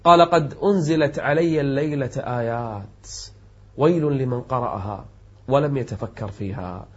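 A male preacher giving an emphatic sermon, dropping to soft low tones and rising to raised exclamations, and slowly chanting verses and poetry. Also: breathy edge. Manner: chants verses in a slow melodic recitation. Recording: dull lo-fi recording.

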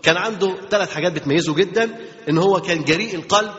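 High fast Egyptian man teaching. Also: a bit bright. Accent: Egyptian Arabic. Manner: asks the audience rhetorical questions and repeats key phrases. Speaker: religious teacher. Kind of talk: Islamic religious lesson. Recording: dull lo-fi recording in a reverberant hall.

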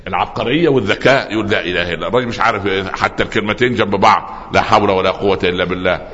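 A man preaching a sermon, telling stories lively and joking with the audience. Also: lowish voice, very fast, a little hiss or hum. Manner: lively storytelling with humor and audience asides. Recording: dull lo-fi recording with long hall reverb.

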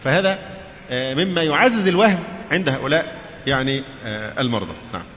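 A man's voice: fairly high pitch, expressive, fast talker, a bit bright. A man giving a religious lecture, mixing formal and colloquial Arabic and putting questions to his listeners. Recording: dull reverberant hall recording with faint noise.

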